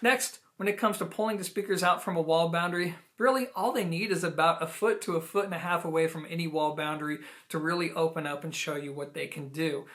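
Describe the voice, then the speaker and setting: A man reviewing audio gear hosts a video product review, explaining to viewers on camera in a conversational way with emphatic, personal views. He speaks quickly with few pauses, in a steady, a bit bright voice on the high side.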